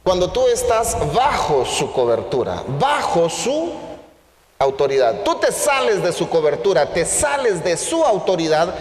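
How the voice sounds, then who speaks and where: Male preacher, animated sermon full of questions to the congregation, fairly high voice, long hall reverb. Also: a little slow. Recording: echoey church hall, faint noise.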